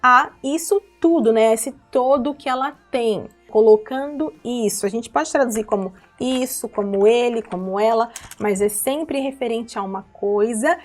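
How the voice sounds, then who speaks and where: A woman, teaching English pronunciation from song lyrics, patient and repetitive, checking in with her listeners. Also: a little high. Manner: patient, repeats words slowly and checks in with listeners.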